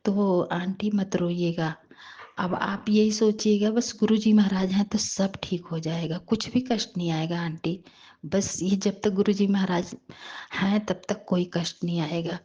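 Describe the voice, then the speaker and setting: Soft-spoken woman with a worn voice. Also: medium pitch, steady tone, unhurried, lo-fi sound. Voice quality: rough, worn voice. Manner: soft, tender, often slipping into a whisper. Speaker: devotional satsang speaker. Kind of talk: devotional talk addressed to listeners.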